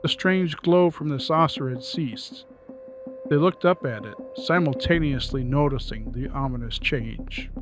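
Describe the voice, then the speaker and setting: A man's voice: medium pitch, a little slow. A man narrating a comic audiobook in a wry storytelling way. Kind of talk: scripted narration. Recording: narration over music.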